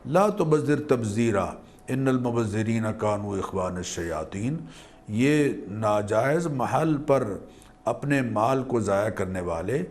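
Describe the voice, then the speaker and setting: Measured scholarly man explaining scripture. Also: on the low side, lively intonation, darkish tone. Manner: measured, learned, weaves in Arabic quotations. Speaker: religious scholar guest. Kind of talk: religious explanation on TV.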